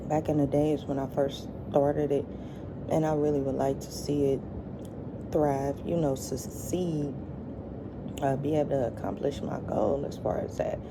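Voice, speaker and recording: A middle-aged woman vlogger chatting casually to her viewers while eating, in a halting, colloquial way. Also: low voice, steady tone, background noise.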